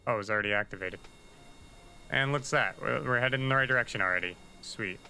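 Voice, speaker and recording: A man's voice: medium pitch, fast, gravelly, sharp tone, soft background music, rough recording. A man giving casual, chatty commentary while livestreaming a game, thinking aloud and muttering asides to himself. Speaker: livestreaming gamer.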